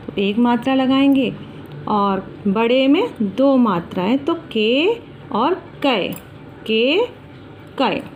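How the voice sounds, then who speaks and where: A woman teacher giving a slow, deliberate alphabet lesson for children, drawing out each syllable for them to repeat. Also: on the high side, a little mellow, dull audio, a little hiss or hum.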